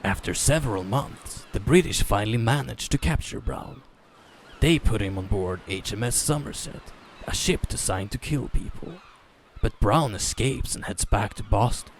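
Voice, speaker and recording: With theatrical flair and deliberate pauses, a man narrates a story as a dramatic reading. His voice is mid-range, and there's slight background noise.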